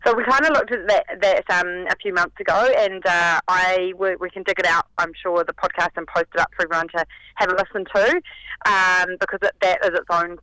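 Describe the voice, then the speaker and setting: Bright, croaky New Zealand woman on phone. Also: on the low side, fairly even intonation, a little fast, dry recording. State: croaky from a summer cold. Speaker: radio segment contributor. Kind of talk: casual explainer on a radio show. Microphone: telephone. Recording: tinny phone line.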